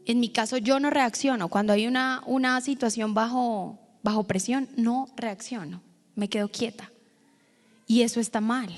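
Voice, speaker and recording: Woman pastor, sermon, fairly high voice, long hall reverb, storytelling. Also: normal speed. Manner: storytelling, animated, addresses the congregation directly. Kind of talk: sermon with personal anecdote. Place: church hall.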